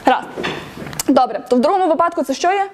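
Brisk, high-voiced woman lecturer who laughs often. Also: a little hiss or hum. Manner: laughs often, lively and encouraging. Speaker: speaker at a tech meetup. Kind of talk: interactive lecture quizzing the audience.

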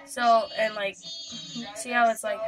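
A woman's voice: fairly high pitch, level tone, takes it slowly, music in the background, rough recording. A woman vlogger talking casually to her camera, rambling with lots of fillers and restarts. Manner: rambling, filler-heavy with many likes and restarts.

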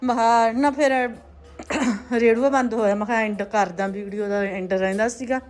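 A woman's voice: on the high side, fairly even intonation, moderate pace, darkish tone. A woman with a Punjabi accent chatting casually and homely as she narrates household chores for a family vlog. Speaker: family vlogger.

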